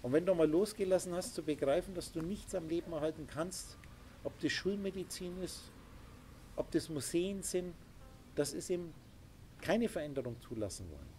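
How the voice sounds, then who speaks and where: A man's voice: on the high side, animated, moderate pace, warm tone. A man lecturing a small group as their spiritual teacher, emphatic and insistent, with faint noise behind him. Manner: emphatic, lecturing, with sound effects.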